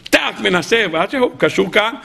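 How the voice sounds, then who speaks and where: A man's voice: high-pitched, expressive, creaky, bright, forceful tone. A man, a rabbi giving a weekly Torah portion sermon to a live audience, telling stories, acting out the characters and firing rhetorical questions at the listeners. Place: live talk before an audience.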